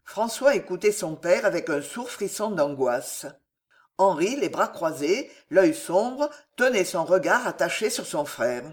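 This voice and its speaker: Slow, measured audiobook narrator. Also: mid-range voice, animated. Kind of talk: audiobook reading of a novel.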